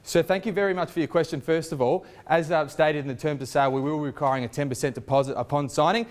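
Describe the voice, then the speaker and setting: A man's voice: fairly high pitch, fairly even intonation, fast talker. A man with an Australian accent, speaking as an auctioneer, projecting a formal property address to a gathered crowd. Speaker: novice auctioneer in a competition.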